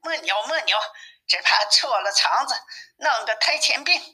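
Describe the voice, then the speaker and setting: A woman's voice: a little high, lively intonation, normal speed, bright, forceful tone, poor audio. A woman doing a teasing monk disciple. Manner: teasing, joking.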